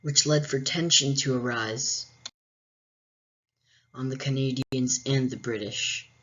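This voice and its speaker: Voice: medium pitch, fairly even intonation, takes it slowly, fairly bright tone. A host narrating a history explainer in a casual way, with wry, joking asides. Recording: dull, muffled lo-fi recording.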